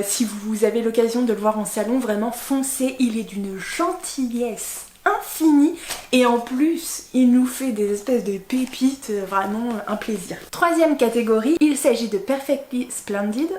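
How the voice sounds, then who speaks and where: A woman chatting casually about her reading list as a book vlogger, rambling with lots of fillers and quick self-corrections. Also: on the high side, a little mellow, roomy sound, slight background noise.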